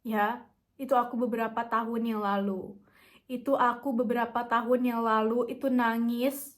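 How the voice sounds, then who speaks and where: Young female vlogger with a high voice, giving a motivational talk in a coaxing, repetitive way. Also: a bit bright. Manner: coaxing, chatty, repeats herself for emphasis. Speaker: self-help vlogger.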